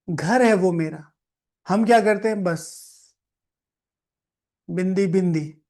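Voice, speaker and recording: Man, spiritual teacher, fairly high voice, repeats key phrases, guides listeners through meditation. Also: a little mellow. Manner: mixes English words into Hindi. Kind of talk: explaining a scripture reading.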